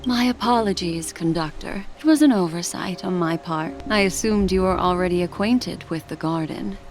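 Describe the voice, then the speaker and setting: An actress playing a poised, mysterious and courteous woman in a video game, speaking in a measured, formal way. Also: on the low side, natural voice. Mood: courteous, composed. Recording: music behind the voice.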